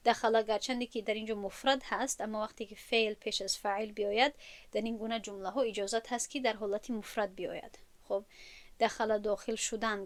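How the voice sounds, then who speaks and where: Woman, grammar lesson lecture, patient step-by-step explaining, repeats key terms, slightly high pitch. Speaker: teacher.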